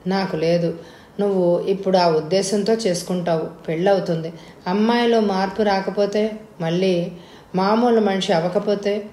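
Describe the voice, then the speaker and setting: A woman's voice: medium pitch, steady tone, normal speed, warm tone, reverberant, close to an everyday voice. A woman voicing a worried, sad older father in a spoken storybook, resigned and pleading.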